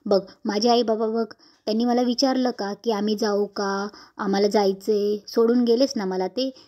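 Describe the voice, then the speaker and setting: A woman's voice: mid-range voice, steady tone, normal speed, warm tone, close to an everyday voice. A woman voicing a cheerful college girl who teases her aunt and drops English phrases, in a spoken serial recap. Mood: playful, teasing. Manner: playful, teasing, slips into English phrases.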